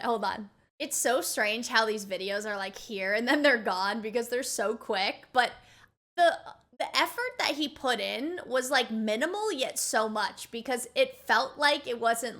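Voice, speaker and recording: A woman's voice: a little high, bright, forceful tone. A young woman giving casual, chatty reaction commentary, rambling with fillers and laughing often. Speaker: reaction streamer.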